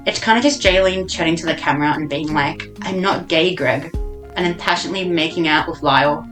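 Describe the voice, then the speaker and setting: A woman's voice: lowish voice, fairly bright tone. A woman giving a casual voice-over commentary about a video game, rambling along with a sarcastic, jokey manner.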